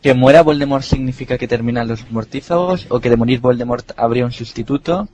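Male host, mid-pitched, casual debate moderator, inquisitive. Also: brisk, a little mellow, dull audio. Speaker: podcast host.

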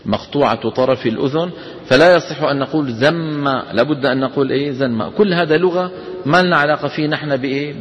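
A man lecturing a class on Quran recitation rules, explaining and quizzing students with prompt questions. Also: mid-range voice. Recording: dull lecture recording in a reverberant hall.

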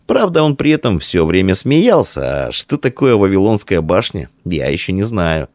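A man's voice: sits low, big pitch swings, normal speed, darkish tone, no echo, studio quality, voice pushed up. A man voicing a timid, earnest young boy in a storybook reading.

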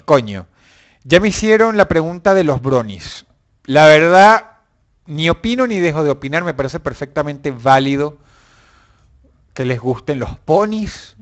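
Guy chatting live w viewers, kinda high voice, swears a lot, yells now and then. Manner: animated, profane, bursts into shouts. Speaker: online show host. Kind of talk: casual live chat with viewers.

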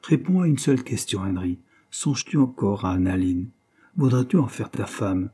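Man voicing a calm earnest young friend, reproachful, husky, audiobook. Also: fairly low pitch, normal speed. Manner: calm, lecturing. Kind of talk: audiobook character voice.

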